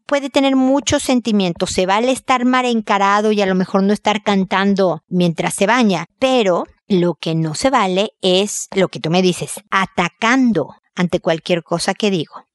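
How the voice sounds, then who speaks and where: A woman's voice: medium pitch, no echo, clean studio sound. A woman hosting an advice show, answering listener letters in a conversational way and acting out bits of family dialogue.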